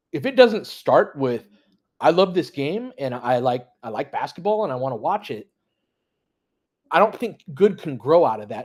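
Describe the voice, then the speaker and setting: A former high school basketball coach hosts a basketball live stream, blending casual play-by-play with opinionated, sweary fan commentary. His voice is a little high, with a darkish tone and a breathy edge. As a partisan fan, he reacts to plays and to the chat.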